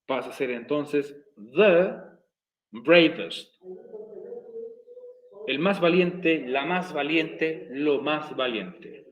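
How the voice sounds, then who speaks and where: Man teaching slowly in an echoey room. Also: fairly high pitch, muffled recording. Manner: slow, repeating explanations step by step. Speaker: English teacher. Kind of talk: recorded video lesson.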